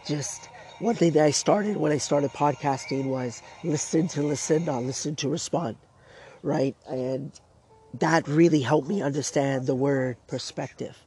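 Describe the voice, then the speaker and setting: Losing his voice to a sore throat, a man from Canada hosts his podcast casually outside in his backyard, rambling with many fillers and restarts. His voice is fairly high, warm, and husky, heard over intro music.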